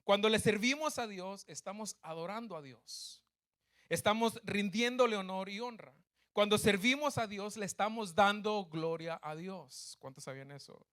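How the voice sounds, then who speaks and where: A man's voice: sits high, moderate pace, a bit bright. A man preaching a sermon as pastor, emphatic, repeating key phrases and putting questions to the congregation. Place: church.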